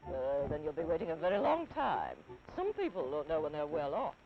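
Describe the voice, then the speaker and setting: A woman voicing a gruff, worldly male python snake who talks slowly in a dry, grumbling manner, on a dull lo-fi 1950s TV kinescope recording. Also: sits low, huge pitch swings, music in the background, voice pushed down, exaggerated voice.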